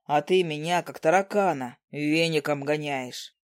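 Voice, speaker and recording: A woman voicing a smirking male demon who speaks slowly and mockingly. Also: low-pitched, no echo, studio quality, voice pushed down. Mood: indignant. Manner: mocking, slow, smug.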